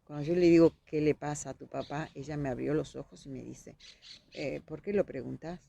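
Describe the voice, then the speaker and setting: A woman's voice: deep voice, fairly quick, creaky, warm tone, a little hiss or hum. A woman with a Uruguayan accent, a podcast guest recounting events vividly and acting out the dialogue she quotes. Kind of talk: storytelling in conversation.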